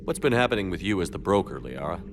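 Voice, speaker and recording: Commander Shepard, deep steady soldier. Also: male voice, fast talker, exaggerated voice. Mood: inquiring, steady. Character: male military commander, steady, resolute, compassionate. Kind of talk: video game character dialogue. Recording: clear rumbling noise behind game dialogue.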